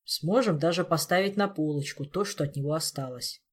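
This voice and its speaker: A woman's voice: on the low side, lively intonation, normal speed. Woman doing a gloomy, blunt young prince. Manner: gloomy, grumbling.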